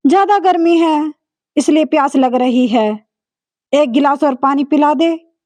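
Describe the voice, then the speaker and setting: A woman voicing a gentle elderly mother. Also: high voice, measured pace, no echo. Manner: gentle, soft-spoken. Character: elderly mother, patient and loving.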